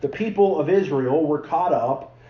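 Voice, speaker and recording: A man's voice: on the high side, moderate pace, roomy sound, muffled recording, a little hiss or hum. A man preaching a sermon, telling the story in a chatty way and acting out the people in it. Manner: conversational storytelling, acting out the characters. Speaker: pastor. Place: church sanctuary.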